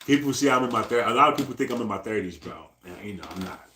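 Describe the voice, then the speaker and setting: A man's voice: lowish voice, animated, quick pace, bright, forceful tone, slight background noise. A man in his forties, chatting casually on a live stream, talking in loose slang, ending nearly every phrase with "bro" and repeating himself to his viewers. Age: 40s. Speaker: livestreamer. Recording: echoey room.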